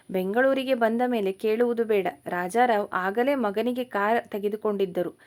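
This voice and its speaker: A woman reading a story aloud as a narrator, in an even, measured manner. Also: fairly high pitch.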